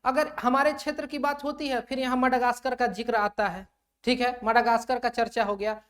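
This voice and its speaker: A woman's voice: on the high side, steady tone, brisk. A woman teaching a lecture who asks her students questions and then answers them herself, mixing English terms into her explanations. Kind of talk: classroom lecture.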